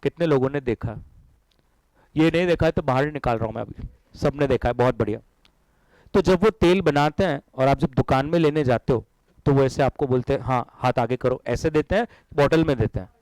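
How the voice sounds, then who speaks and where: A man's voice: medium pitch, fairly quick, a little mellow, dry recording, poor audio. A middle-aged man teaching accounting to a live class, drilling students in call-and-response and mixing Hindi with English terms. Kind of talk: classroom lecture.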